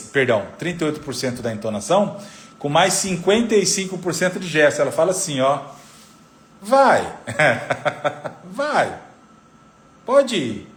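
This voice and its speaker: Lively Brazilian-Portuguese-speaking male psychoanalyst teaching. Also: on the high side. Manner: didactic, repeats figures, lively intonation. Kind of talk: live talk on parenting.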